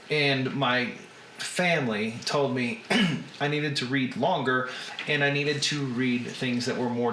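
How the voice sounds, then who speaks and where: A man with a Southern US accent chatting casually to livestream viewers as host, in an unhurried drawl with drawn-out words. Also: medium pitch, pushed and bright. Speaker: host of a live reading stream. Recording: roomy echo, faint background noise.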